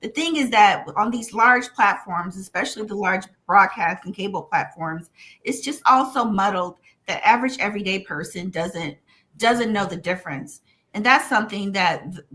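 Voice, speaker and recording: Bright-voiced woman lecturing on a panel. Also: mid-range voice, normal speed. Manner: articulate, lecturing, builds points in lists. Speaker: journalism teacher and panel guest. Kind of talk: panel discussion.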